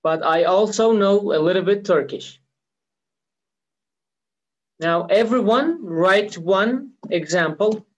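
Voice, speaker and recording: A man's voice: sits high, slow, long pauses, lo-fi sound. A man from Iran with a Persian accent teaching a live online English lesson, patiently repeating key words.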